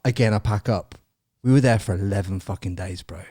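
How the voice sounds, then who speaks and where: A man's voice: on the low side, brisk, dark tone, no echo, studio quality. Laughing, sweary young man. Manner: swearing, laughing often, quoting himself. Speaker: podcast guest. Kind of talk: casual storytelling.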